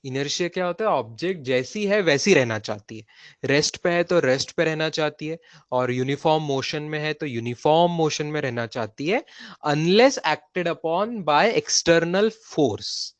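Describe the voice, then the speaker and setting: A man's voice: a little high, animated, moderate pace, no room sound. A man with an Indian accent teaching a physics lesson online, repeating key phrases and checking with his students as he goes. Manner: mixes Hindi and English.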